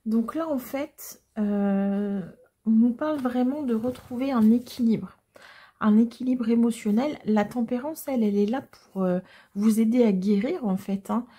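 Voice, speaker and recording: Soft-voiced woman giving a tarot reading. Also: a little high, husky. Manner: gentle, hesitant explaining with frequent pauses. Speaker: tarot card reader. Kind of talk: casual tarot reading to viewers.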